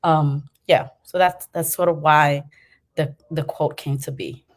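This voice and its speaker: A woman's voice: sits low, steady tone, measured pace. A middle-aged woman from Cambodia, speaking on a panel about her life and community work. She talks passionately and circles back on her thoughts, with many fillers and restarts. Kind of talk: personal storytelling on a panel.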